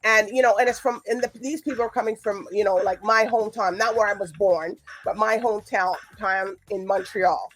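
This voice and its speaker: A woman's voice: mid-range voice, steady tone, brisk, hardly any pauses, poor audio. A woman hosting a casual chat show in a chatty, rambling, easily amused manner. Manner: chatty, rambling, laughs often. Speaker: show host.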